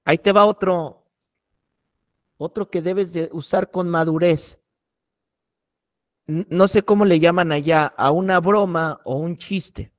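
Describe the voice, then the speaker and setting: A man's voice: a little high, slow pace, pauses often. A middle-aged man, a pastor giving a preaching workshop and repeating key warnings earnestly.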